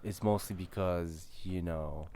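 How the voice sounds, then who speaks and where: Low-voiced young man chiming in. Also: steady tone, mellow. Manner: quick interjections, questions and teasing reactions. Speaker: podcast co-host. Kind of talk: casual chat.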